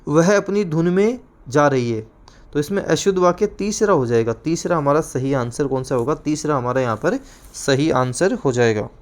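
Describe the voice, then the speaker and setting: Higher-voiced man drilling a grammar class. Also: animated, moderate pace. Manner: repetitive, drilling words again and again; emphatic teaching with frequent reminders. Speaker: teacher. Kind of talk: exam-prep Hindi grammar class.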